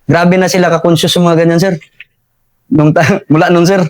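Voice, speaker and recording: A young soldier with a Filipino accent and a fairly high voice recounts his escape in a casual interview. He adds "sir" after nearly every phrase and chuckles often between sentences. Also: flat delivery, moderate pace. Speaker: soldier telling his war story.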